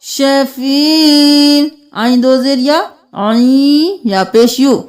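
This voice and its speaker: High-voiced woman teaching slow recitation. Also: animated, darkish tone. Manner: slow drawn-out recitation between quick spelled-out explanations. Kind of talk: tajweed reading lesson.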